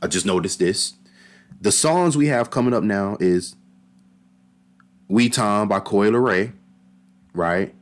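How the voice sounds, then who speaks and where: A man giving casual, animated reaction commentary on a marching band battle, talking slangy and straight to his viewers. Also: lowish voice, slow pace, long pauses.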